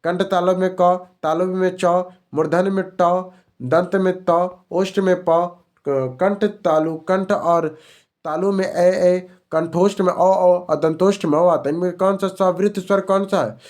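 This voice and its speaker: A man's voice: high voice, steady tone, unhurried, a little mellow. A male teacher running an exam-prep grammar lesson, repeating each question and answer as a drill.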